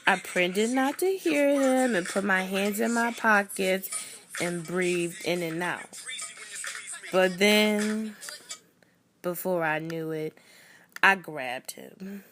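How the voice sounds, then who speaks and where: A young woman telling a performed personal story with wry humor, swinging between loud bursts and near whispers. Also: medium pitch, slow, long pauses, music in the background.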